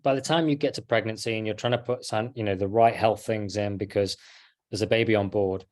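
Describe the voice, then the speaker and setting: A man's voice: fairly low pitch, fairly even intonation, a little fast, darkish tone. A man in casual conversation, explaining health advice in a chatty way with fillers. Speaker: health coach.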